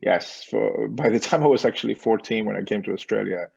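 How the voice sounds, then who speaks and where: A man in his forties from Spain tells his story on a video call. His voice is very gravelly and a little husky, and the sound is dry and slightly dull. He talks loosely, with many ums and small laughs. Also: on the low side, brisk, darkish tone, no room sound. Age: 40s. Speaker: guest, company founder. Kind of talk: casual interview on a call.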